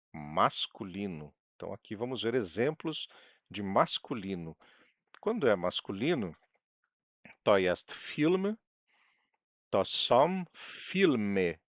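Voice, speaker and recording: A Brazilian man with a Brazilian Portuguese accent teaching a language online, patiently repeating words slowly and stressing syllables. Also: fairly low pitch, no echo, narrow, tinny audio.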